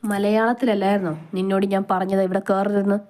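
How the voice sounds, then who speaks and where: Woman doing a curt young man, irritable, scolding, storybook, mellow. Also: mid-range voice, level tone, quick pace, lightly acted. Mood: irritated.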